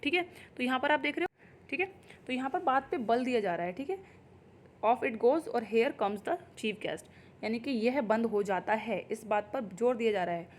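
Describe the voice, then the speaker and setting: A woman teacher, explaining grammar in Hindi and reading example sentences slowly and carefully. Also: fairly high pitch, expressive. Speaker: English teacher. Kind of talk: exam-prep grammar lesson.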